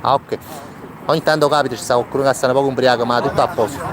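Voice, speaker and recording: A man's voice: mid-range voice, fairly even intonation, fast, crowd noise. A man in his thirties with a Neapolitan accent chatting casually on a live street video, reassuring and repeating short phrases. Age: 30s. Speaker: charity volunteer hosting a live street video. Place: outdoor city street. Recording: noisy outdoor city street with traffic.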